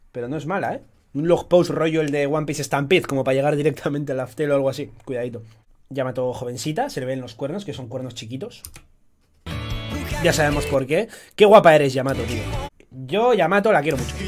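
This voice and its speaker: A young man from Spain with a Spanish accent, talking excitedly through a casual live-stream commentary, swearing often in chatty fan banter. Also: fairly high pitch. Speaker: streamer analyzing an anime opening.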